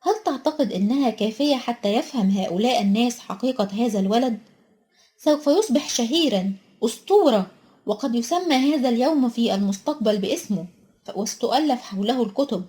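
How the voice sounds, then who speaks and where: A stern older witch professor speaks in a raised, agitated storybook voice, as a woman reader puts her on. Her tone sits high and pleading. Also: animated, fairly quick, dark tone, lightly acted. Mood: doubtful. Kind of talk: storybook reading.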